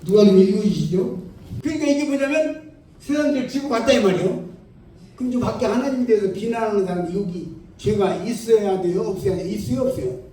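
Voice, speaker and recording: A man's voice: high voice, a little fast, warm tone. A man preaching an evangelistic sermon in a plain-spoken way, often putting questions to his listeners. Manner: plain-spoken, keeps asking the audience questions. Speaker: lay preacher. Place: church hall. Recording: very echoey hall, distant mic, faint noise.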